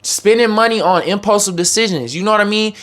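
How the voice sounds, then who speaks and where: A man's voice: high-pitched, fast, a bit bright. A man giving an informal, slangy motivational talk to viewers, driving points home with emphatic repetition. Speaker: YouTuber.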